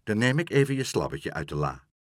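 A man voicing a strict, fussy mother who talks in a bossy, brisk way. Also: on the low side, sing-song, no echo, clean studio sound. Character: strict fussy mother, middle-aged woman.

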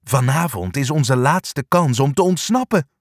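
A man's voice: mid-range voice, lively intonation, unhurried, no room sound, clean studio sound. A man voicing a brave, bossy male dog who leads the group and urges the others on. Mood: urging. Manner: urging, commanding.

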